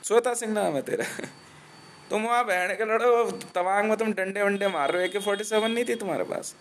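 A man's voice: high voice, moderate pace, fairly bright tone, slight background noise. A man from India delivering a profane ranting monologue, aggressive and taunting, swearing constantly and laughing between threats.

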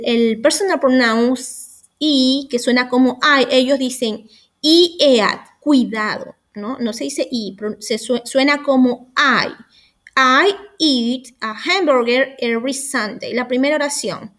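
A woman teaching English vocabulary, patiently repeating each word for students to echo and coaxing them along. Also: high-pitched. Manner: affectionate, coaxing. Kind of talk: slow drilled vocabulary lesson.

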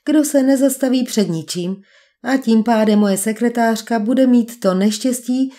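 A woman's voice: on the high side, warm tone, close to an everyday voice. A woman voicing a cool young male detective held captive, answering his captor in a dry, unflappable banter in an audiobook. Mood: calm, dry. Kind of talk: audiobook character voice.

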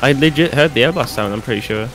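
A man's voice: mid-range voice, quick pace, a bit bright, faint music behind, poor audio. A man speedrunning a game, chatting casually in team callouts over voice chat, with some swearing. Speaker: speedrunner playing a team shooter. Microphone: gaming voice chat.

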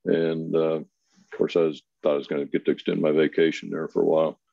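A man in his fifties from Kansas giving a volunteer talk on a webinar, plainspoken and pausing often with fillers. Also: extremely low pitch, flat delivery, gravelly, dry recording. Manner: plainspoken, many pauses and fillers. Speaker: volunteer consultant speaker. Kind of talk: webinar presentation. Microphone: video call. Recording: dull, lo-fi webinar audio.

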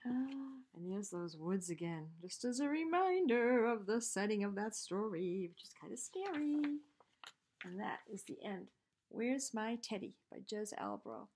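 A woman teacher reading a rhyming picture book to children, adding chatty asides and soft whispers for her young listeners. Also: mid-range voice, sing-song, unhurried, slight background noise. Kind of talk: children's read-aloud.

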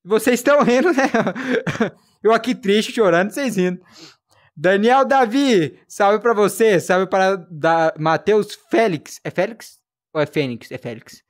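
A man's voice: high voice, measured pace. A man streaming live gameplay, chatting playfully, scolding the creatures in the game and whining in mock sadness. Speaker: gaming livestreamer.

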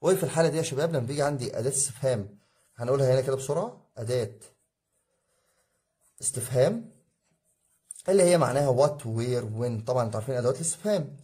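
Man, Egyptian accent, English teacher, exam review, very fast talk, mellow voice, quizzes the class and answers himself. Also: medium pitch, lively intonation. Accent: Egyptian Arabic. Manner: asks students questions and answers them himself; addresses students as guys, drilling rules.

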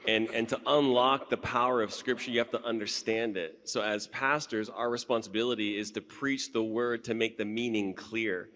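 A man's voice: mid-range voice, steady tone, normal speed, few pauses, fairly bright tone. A man, a pastor on a conference panel, speaking earnestly and declaratively into a handheld mic. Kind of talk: panel discussion answer. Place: large conference hall stage.

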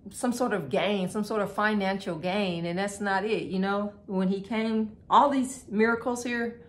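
A woman teaching a casual Bible study, halting with many fillers and restarts, laughing now and then. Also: medium pitch, fairly even intonation.

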